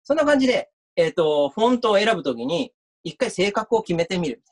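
A man's voice: high-pitched, very animated, brisk. A university lecturer giving an online mock class, chatty and reading out viewer comments as he talks.

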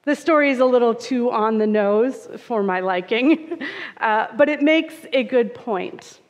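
A woman's voice: a little high, a little slow. A woman pastor giving a conversational sermon, with touches of humor and frequent "uh" fillers. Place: church sanctuary. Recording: reverberant, dull church sound.

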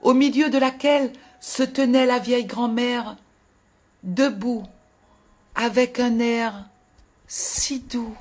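A woman narrating a fairy tale in a gentle, expressive storytelling voice that drops to a hush at sad moments. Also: on the high side, takes it slowly, long pauses. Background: faint music.

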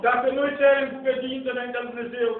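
Over a loud crowd, a middle-aged lay preacher with an extremely high pitch and flat delivery gives a fervent, improvised sermon, earnest, exhorting and repetitive. He is far from the mic, recorded on a handheld camera within the small church hall's congregation, and the phone audio is tinny, noisy and echoey.

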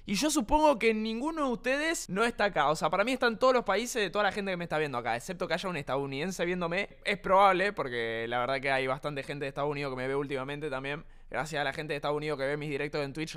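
A man's voice: fairly high pitch, fast, hardly any pauses, clean tone. A young man with an Argentine Spanish accent, chatting casually and jokingly on his stream, often exclaiming at his viewers. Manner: animated, joking, exclaiming at chat.

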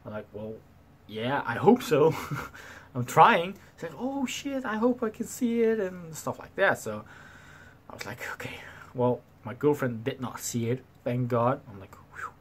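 A young man in his twenties casually telling a story to his camera, animated and swearing freely, acting out the people in it, recorded in a small bedroom on a desk webcam. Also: medium pitch, a little slow, slightly rough. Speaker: vlogger. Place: small bedroom with slanted ceiling, indoors.

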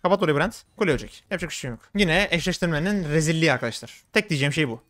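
A young man commenting on his own game as he plays, talking fast and getting worked up. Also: a little high, no echo, studio quality. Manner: rapid, excitable, swings into frustrated outbursts. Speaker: gaming streamer. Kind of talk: live gameplay commentary.

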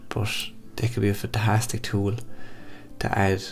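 A man with a blocked-up, nasal voice from hay fever, calmly talking through a software photo-editing tutorial step by step. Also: on the low side, unhurried. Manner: calm step-by-step instructions. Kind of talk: screen-recorded software tutorial.

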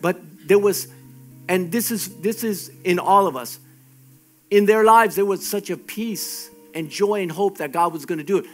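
Pastor guy preaching hard, real high voice, keeps repeating himself, faint music behind. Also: moderate pace. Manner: emphatic, exhorting, repeats phrases. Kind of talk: sermon.

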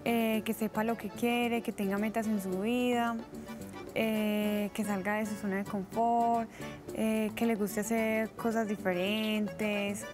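An eighteen-year-old Colombian woman with a Colombian accent introduces herself to the camera in a calm, measured way. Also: mid-range voice. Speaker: show contestant. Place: studio set with heart decorations. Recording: clean with music behind.

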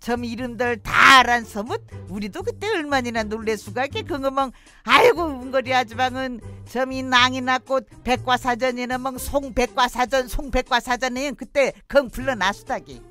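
A middle-aged Jeju housewife in a radio drama, speaking in a thick Jeju accent. Her voice sits high and bright, and she rambles on wistfully, sighing between memories. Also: normal speed, faint music behind. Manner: rambling, reminiscing, sighing "aigo".

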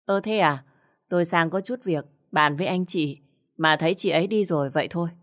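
A woman voicing a fat, fierce, bossy older village woman with a gruff voice in a storybook reading. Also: fairly quick, a bit bright, close to an everyday voice. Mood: scheming. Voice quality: gruff booming voice. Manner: scolding, pushy.

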